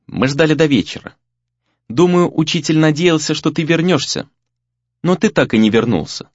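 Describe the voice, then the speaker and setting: A man's voice: fairly high pitch, animated, moderate pace, no echo, highs cut off, pitched above the performer's own voice, lightly acted. A man voicing Nara, a wary young apprentice girl. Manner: anxious and hesitant. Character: wary, serious young female temple apprentice.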